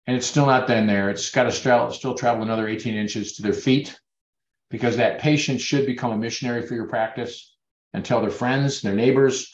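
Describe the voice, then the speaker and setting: A man, a dentist, giving a webinar presentation over a video call in an earnest, persuasive storytelling way. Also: medium pitch. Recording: roomy, dull webinar audio.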